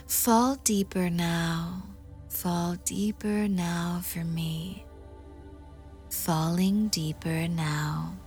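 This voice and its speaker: A woman doing an ASMR role-play as a hypnosis guide, murmuring softly and breathily right into the ear, teasing, coaxing and gently commanding. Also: fairly low pitch. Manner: soft, intimate, breathy close-up murmur, right in the ear, often slipping into soft voice. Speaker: hypnosis audio host.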